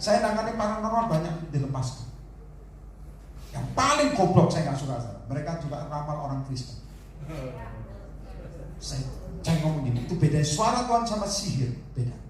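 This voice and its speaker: A male evangelist preaching a lively sermon, telling stories, quoting people and joking with the congregation. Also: on the high side, normal speed, pauses often, distant mic. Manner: animated, storytelling, quotes people in little voices, jokes with the congregation. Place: large worship hall. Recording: echoey hall, from afar, faint hiss.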